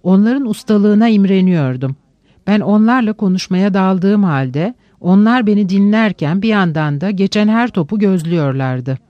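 High-voiced man reading a novel. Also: lively intonation, no room sound, dull audio. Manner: measured, reflective reading with slow pauses. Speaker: audiobook narrator. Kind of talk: literary audiobook narration.

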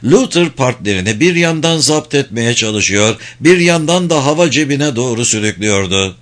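A man reading a suspenseful novel aloud in a measured, steady narration. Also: medium pitch. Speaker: audiobook narrator. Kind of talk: scripted narration.

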